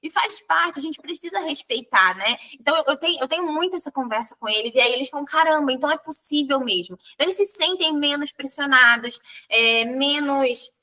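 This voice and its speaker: Woman, Brazilian Portuguese accent, high voice, sharp bright tone, animated interview guest, sales leader. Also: fairly quick, hardly any pauses. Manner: animated, tags sentences with "né?"; acts out her own dialogue with her team. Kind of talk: conversational interview.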